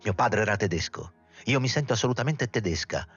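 A man voicing a scorned young woman who turns shrill, mocking and close to tears. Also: animated, fairly quick, slightly rough, dull audio, faint music behind. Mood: stubborn. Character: furious scorned young woman, bitter and tearful.

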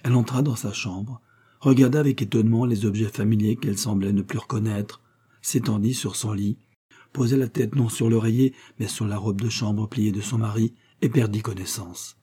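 A man narrating a literary short story for an audiobook in a measured, solemn manner. His voice sits low with a dark, mellow color. A slight huskiness runs through his reading. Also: fairly even intonation, slightly rough.

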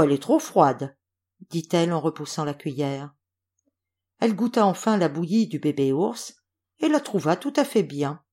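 A woman reading a fairy tale aloud as an audiobook, expressive storytelling. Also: lowish voice. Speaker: audiobook reader.

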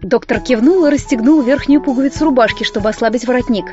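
A woman narrating a first-person audiobook in a wry, lively storytelling manner. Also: on the high side, quick pace, lo-fi sound, faint music behind.

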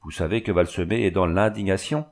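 A man's voice: deep voice, fairly quick. A man voicing a pompous, self-important village mayor in a storybook reading. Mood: officious. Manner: officious, pompous.

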